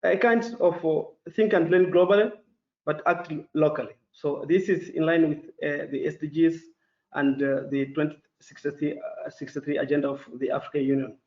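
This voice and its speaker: A man from Mozambique, Portuguese being his first language, presents formally in a webinar as a panelist with a fairly high, steady voice. His delivery is careful and halting, packed with fillers, and the video call audio is dull and echoey.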